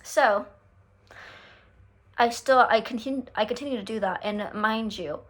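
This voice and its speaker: Animated young woman ranting a story. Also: fairly high pitch, unhurried. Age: young adult. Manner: animated, swears freely, acts out quotes. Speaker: vlogger. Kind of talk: casual storytime rant.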